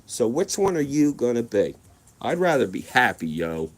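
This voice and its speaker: A man's voice: mid-range voice, sing-song, moderate pace. A man telling rambling, profane stories in a laid-back, casual vlog monologue. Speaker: vlogger.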